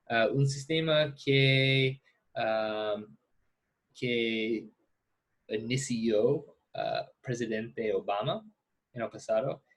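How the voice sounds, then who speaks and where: Slow, halting man with American-accented Spanish. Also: mid-range voice. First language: English. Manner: halting, searching for words. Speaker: ethics teacher. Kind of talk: lecture discussion with students.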